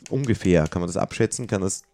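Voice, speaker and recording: A man's voice: low-pitched, fast talker, warm tone. A middle-aged man, chatting casually with his child while they play a video game, grumbling and easily exasperated. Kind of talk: casual let's-play chat.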